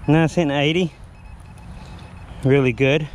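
This Texan's voice sits fairly high, steady and unhurried with a darkish tone, as he talks through a metal detecting hunt outdoors in a humid field. He breathes hard while digging and rambles with fillers, and a little background noise is present.

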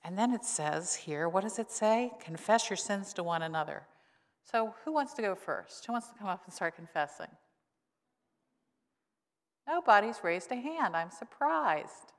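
Her intonation is lively and her pace a little slow as she preaches through a pulpit microphone amid long church reverb. The pastor, a woman in her sixties, keeps her sermon conversational and drily humorous, noting that illness has lowered her voice.

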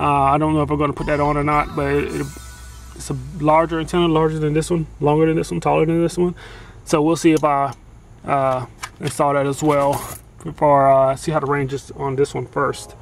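A DIY vlogger installs a CB radio in his pickup, moving between the truck cab and the garage while he narrates a casual how-to to the camera, rambling, correcting himself and using lots of fillers. His highish voice is flat and fairly quick, with a little hiss or hum.

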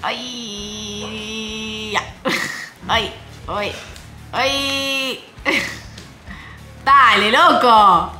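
A young woman with an Argentine accent, commenting on her own gameplay, muttering softly while she plays and breaking into high shrieks. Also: fairly even intonation, very slow, long pauses, faint music behind. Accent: Argentine Spanish. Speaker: gaming YouTuber.

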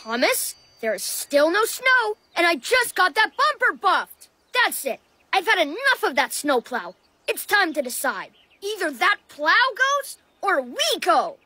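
A woman's voice: very high voice, very animated, measured pace, no room sound, heavily acted. A woman voicing a grumpy, fussy male diesel engine in a cartoon, complaining and irritated. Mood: annoyed. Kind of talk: cartoon voice acting. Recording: studio cartoon audio with loud music.

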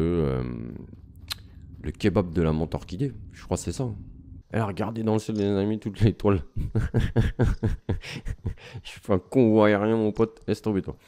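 A man talks through a game in a low, mellow voice, chatting to his viewers and teasing the creatures he fights. A faint hiss of noise sits under the recording. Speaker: gaming youtuber. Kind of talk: casual let's-play commentary.

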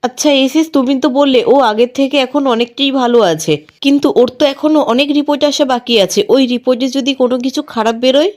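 A woman's voice: high voice, steady tone, a little fast, few pauses, darkish tone, close to an everyday voice. A woman voicing an anxious, caring woman of the family, read in her plain narrating voice.

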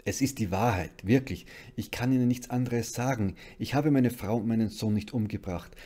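A man's voice: medium pitch, normal speed, warm tone, lightly acted. A man reading aloud voices a desperate, grieving middle-aged father who pleads in distress. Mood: pleading.

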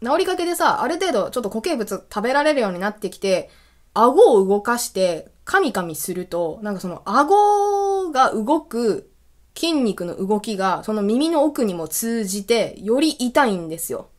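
A woman hosting a casual solo radio talk, telling stories in an animated way and laughing often. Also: a little high, moderate pace. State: recovering from illness. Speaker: podcast host.

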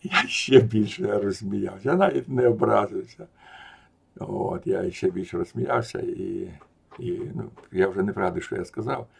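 A man with a low, gravelly voice tells a personal story in casual spoken style. His tone carries a husky edge, and he grows animated and scornful as the tale builds, pushing louder at the punchlines. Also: normal speed. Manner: animated and mocking, rising loud at the punchlines. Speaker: storyteller recounting a personal anecdote.

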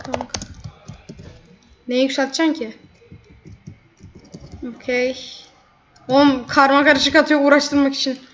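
Woman gamer, high voice, running play-by-play commentary, quick to vent; dull lo-fi recording. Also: level tone, slight background noise. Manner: chatty, blurts out frustration at opponents. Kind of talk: live gameplay commentary. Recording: dull lo-fi mic.

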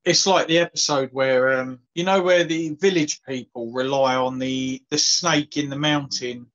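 A man co-hosting a podcast, making his point in a thoughtful, measured way. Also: medium pitch, fairly even intonation, a bit bright. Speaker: podcast co-host. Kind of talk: casual chat. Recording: dull lo-fi podcast audio.

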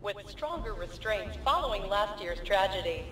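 A cheerful theme park announcer voiced by an actor rings out over an outdoor loudspeaker in a game. The delivery is formal and chipper, with a lively, bouncing pitch. The sound is echoey and distant, with noise all around it. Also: moderate pace. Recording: echoey loudspeaker from far off, noisy.

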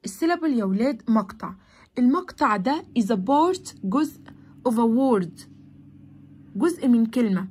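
A woman with an Egyptian Arabic accent explains a children's English lesson in a high, breathy voice. She draws the English words out slowly and then explains them quickly in Arabic. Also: expressive, warm tone. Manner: switches between Arabic explanation and slow, drawn-out English words. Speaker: English teacher.

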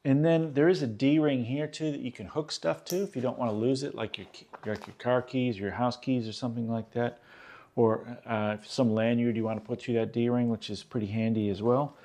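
A man in his fifties from Australia, hosting a casual gear vlog and chatting in a relaxed way with lots of "uh"s, recorded at a table in a small room. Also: mid-range voice, normal speed. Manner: relaxed, chatty, many "uh" fillers. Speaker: host. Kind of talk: casual show-and-tell vlog.

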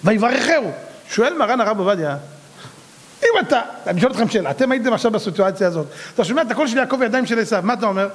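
A rabbi preaches in a high, lively voice, telling the story with a lot of drama. He jumps into the voices of the characters as he goes. Now and then an audience laughs in the background. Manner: animated storytelling, acting out voices. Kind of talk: sermon.

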